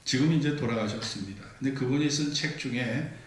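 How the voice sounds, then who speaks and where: Preaching in a church sanctuary, this pastor speaks a little fast in a medium-pitched voice, voicing the characters of his stories as he tells them. The echoey hall is captured by a distant mic with slight background noise.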